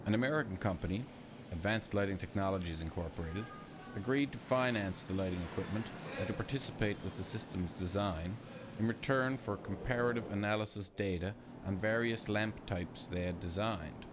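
A man reading a scripted, formal narration in a measured way. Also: lowish voice, noisy background.

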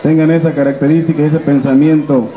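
A man's voice: a little high, flat delivery, brisk, muffled recording. A middle-aged man with a Mexican accent announcing acts at a community festival over an outdoor PA. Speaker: event presenter. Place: outdoor stage in a town plaza. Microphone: handheld microphone. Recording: echoey outdoor PA with crowd.

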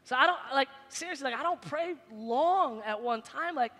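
Animated preaching man on stage. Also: moderate pace. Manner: animated, preaching with big swings in loudness and pitch. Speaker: pastor. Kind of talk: sermon. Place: large stage in a church hall. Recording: long hall reverb, faint music behind.

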